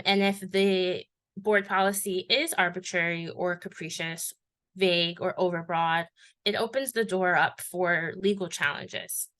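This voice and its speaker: Bright-voiced woman explaining school policy. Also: on the low side. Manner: informative, many fillers and self-corrections. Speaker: presenter explaining school board law. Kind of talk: webinar presentation.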